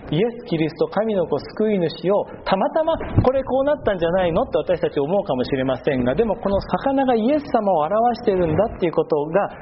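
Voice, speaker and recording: A male pastor giving a sermon, patiently explaining and pausing with long drawn-out fillers between phrases. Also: sits high. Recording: muffled with steady background noise.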